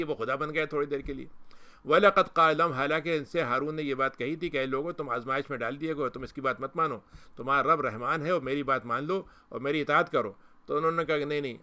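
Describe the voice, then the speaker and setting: Bright clear-voiced man teaching scripture. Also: fairly high pitch. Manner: retells scripture and quotes Arabic verses, with frequent restarts. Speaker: Islamic scholar and lecturer. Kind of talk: Quran commentary lecture.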